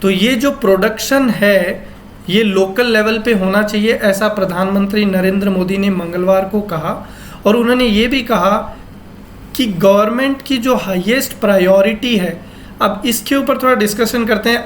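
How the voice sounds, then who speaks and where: A man teaching English grammar from a newspaper text. He asks his class questions and answers them himself, and he reads the English sentences out slowly, word by word. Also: high-pitched, slight background noise.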